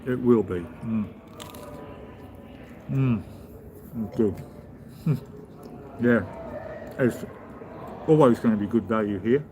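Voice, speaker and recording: A man on a casual live stream, chatting to his viewers in a rambling, relaxed way from a hotel lobby bar. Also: medium pitch, slow, pauses often. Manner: relaxed, rambling, chats with viewers while eating. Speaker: travel vlogger. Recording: steady background noise of a hotel lobby.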